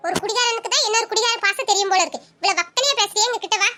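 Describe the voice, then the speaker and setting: A very high voice doing a bossy, scolding young heroine. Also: very fast, pushed and bright. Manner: scolding, bossy, laughing scornfully. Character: tough young woman, sharp-tongued protector.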